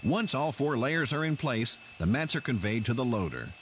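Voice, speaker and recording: Man narrating an industrial tour, lively pitch. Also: moderate pace, a little hiss or hum.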